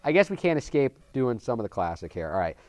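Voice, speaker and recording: A man co-hosting a movie talk show, riffing on films and calling out to viewers as folks. He talks fast, and the sound is dry and close. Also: mid-range voice, sing-song, a little mellow, dry recording. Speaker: film show co-host. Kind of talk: casual movie review chat.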